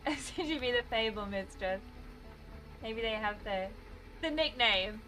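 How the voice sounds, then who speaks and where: A woman's voice: fairly high pitch, expressive, takes it slowly, sharp tone, poor audio. A British woman chatting casually while streaming a game, rambling and laughing often. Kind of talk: casual gameplay commentary.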